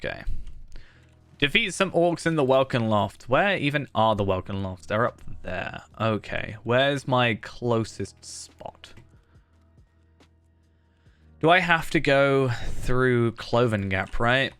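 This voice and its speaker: A man's voice: mid-range voice, expressive, takes it slowly, a bit bright, clean tone, no echo, soft background music. A man giving casual commentary on a game he plays, rambling and musing aloud. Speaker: gaming video host.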